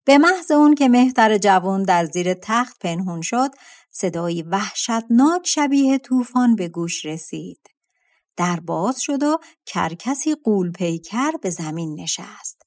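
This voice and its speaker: A woman narrating a fairy-tale audiobook in a calm, measured storytelling voice. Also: mid-range voice.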